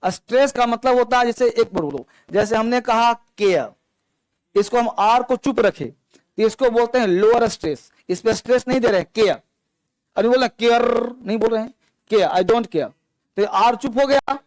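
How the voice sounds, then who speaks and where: High-voiced man teaching a grammar class. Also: no echo, rough recording. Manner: explains slowly, repeats words and drills students.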